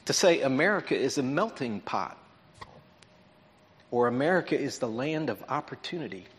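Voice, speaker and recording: Long auditorium reverb surrounds a man preaching at normal speed in a medium-pitched, sing-song voice. He teaches his sermon lesson in a conversational, explanatory manner, pausing to check in with those listening.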